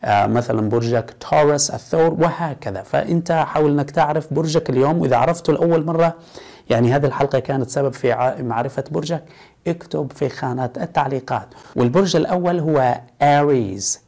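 A man teaching English vocabulary in Arabic, saying each English word slowly several times in a row and explaining in quick, relaxed conversational Arabic. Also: fairly high pitch, vocal fry. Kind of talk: vocabulary lesson in Arabic with English drill words.

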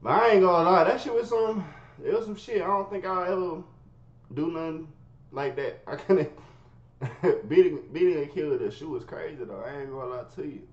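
A man tells a story in his bedroom with animated, slangy delivery. His voice sits a bit high and drops to low mutters, then jumps to yelps. The recording sounds roomy and dull, like lo-fi gear. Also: moderate pace. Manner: profane slangy street talk. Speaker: vlogger telling a story. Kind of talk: casual storytime.

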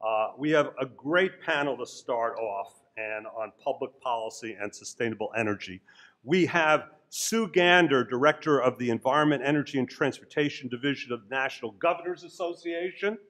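A man's voice: mid-range voice, moderate pace, a bit bright. A man moderating a panel from a podium mic in a conference room, joking and rambling with uhs as he introduces the speakers. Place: conference room on Capitol Hill. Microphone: podium microphone.

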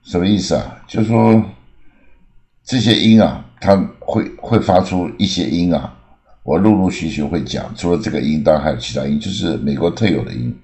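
An older man with an extremely low, dark voice. He explains English words patiently, stretching out example words and dropping in many filler sounds. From Taiwan. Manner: frequent "啊" fillers, slow drawn-out demonstrations. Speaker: English teacher. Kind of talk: explanatory lesson, Mandarin mixed with English examples.

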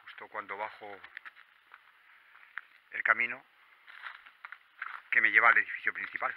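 Low-voiced Spanish man, muffled night vlog. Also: level tone, measured pace, noisy background. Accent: Spanish, from Spain. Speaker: urban exploration vlogger. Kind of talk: hushed narration of a night exploration vlog. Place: on foot at night among abandoned rural buildings and woods.

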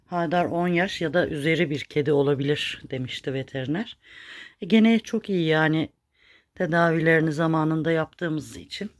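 A Turkish woman who rescues street cats and vlogs about it looks after one at home, talking to it in fond, scolding baby talk and saying its name over and over. Her voice sits low and moves at normal speed, and a cat purrs nearby.

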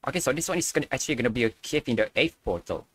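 A man's voice: medium pitch, lively intonation, very fast, husky, no room sound. A young man giving casual reaction commentary as a video host.

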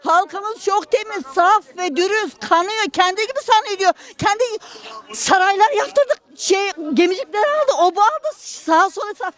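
Casting: woman, late 60s, high voice, toothless slurred diction, off-the-cuff street interviewee. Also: normal speed, a bit bright. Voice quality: toothless, mushy articulation. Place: busy outdoor street market. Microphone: handheld reporter microphone held close.

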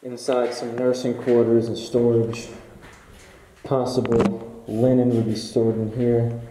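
A man's voice: mid-range voice, little pitch movement, slow, background noise. A young man exploring an abandoned hospital, giving casual, awed, speculative commentary as he walks through with a camera while wearing a respirator mask. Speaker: urban explorer. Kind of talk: casual guided walkthrough. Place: large abandoned hospital, indoors. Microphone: camera-mounted mic, wearing a respirator mask. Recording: echoey empty halls.

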